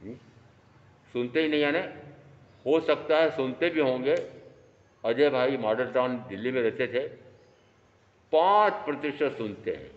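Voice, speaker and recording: A man in his fifties giving a sermon as a Jain monk, animated and throwing rhetorical questions at his listeners. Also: medium pitch, a little slow, pauses often. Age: 50s. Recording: echoey hall, dull lo-fi sound.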